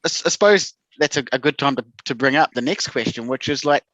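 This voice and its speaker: Easygoing New podcast host. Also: male voice, medium pitch, a little fast, fairly bright tone, dry recording. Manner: easygoing, asks long conversational questions. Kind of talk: interview questions, casual.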